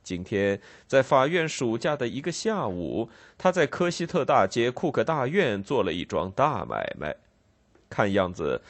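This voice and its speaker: A man narrating a classic novel as an audiobook, in an expressive, storytelling manner. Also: medium pitch.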